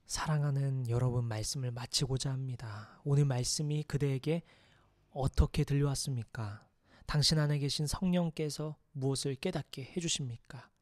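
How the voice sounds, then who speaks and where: A man preaching a sermon in an earnest, measured way, pausing to reflect and often dropping to a soft, hushed tone. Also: mid-range voice, no echo, studio quality.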